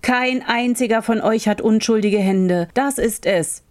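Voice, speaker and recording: A rich, greedy old farmer from a fairy tale, gruff with his servants and falsely sweet when cornered. A woman voices him with a dark, grumbling edge. He is scheming and sour. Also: fairly high pitch, measured pace, pitched above the performer's own voice, natural voice.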